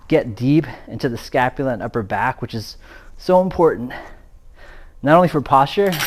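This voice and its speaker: A man in his twenties or thirties leads a workout demo, talking through each exercise while he performs it. His voice sits at an everyday middle pitch and grows loud and pushed during the hard efforts. He sounds short of breath from the exertion. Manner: energetic, explaining while exercising, gets louder during effort. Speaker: fitness coach. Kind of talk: demonstrating a workout on camera.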